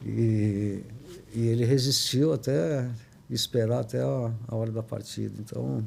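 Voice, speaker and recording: Older guy from brazil, gravelly dark voice, telling a sad family story, lots of restarts. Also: mid-range voice, a little hiss or hum. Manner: halting, many restarts and tag questions. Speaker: podcast guest. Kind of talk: emotional personal storytelling.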